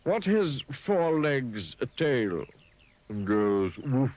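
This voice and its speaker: A man doing a slow, haughty storybook elephant. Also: low-pitched, very animated, husky, highs cut off, exaggerated voice. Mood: condescending. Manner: slow, condescending. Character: haughty, sniggering male elephant.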